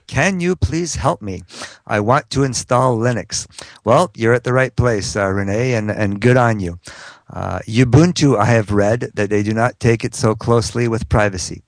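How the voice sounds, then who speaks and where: A man co-hosting a podcast, easygoing and quick to laugh. His voice has a gravelly fry to it, and the recording is dry and close. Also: fairly low pitch, dry recording. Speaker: podcast co-host. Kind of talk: casual chat, reading listener email.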